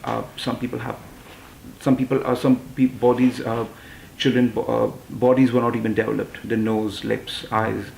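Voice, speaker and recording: A man's voice: medium pitch, flat delivery, moderate pace, creaky, a little mellow, roomy sound, a little hiss or hum, poor audio. A man in his twenties from London, a pageant titleholder and model, answering interview questions hesitantly with many fillers and restarts. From London, England. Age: 20s.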